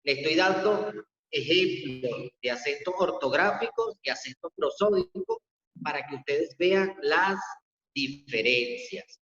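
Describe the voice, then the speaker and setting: Slow, methodical male teacher, echoey room. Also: fairly high pitch, very animated, a bit bright. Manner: slow, methodical step-by-step explaining. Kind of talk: online class lesson. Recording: echoey dull lo-fi room audio.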